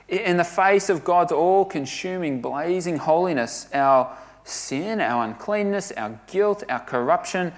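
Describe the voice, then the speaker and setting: A man preaching a sermon, earnest and emphatic, often dropping to a hush for weight. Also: fairly high pitch, gravelly.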